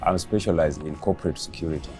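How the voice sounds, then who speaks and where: A man in his fifties with a very deep, low voice answers interview questions, pausing often and filling gaps. A clear music bed runs beneath his words. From Kenya. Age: 50s. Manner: halting, many pauses and fillers. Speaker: interviewee, father of the late comedian.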